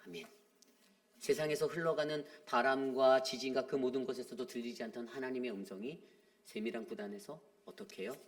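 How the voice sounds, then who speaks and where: A man delivers an earnest sermon in a church, his mid-pitched voice swinging widely as he preaches. He slips into the voices of people in the story, talking to the congregation in plain, conversational words. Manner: earnest preaching, acts out dialogue in conversational Korean. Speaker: pastor. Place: church sanctuary.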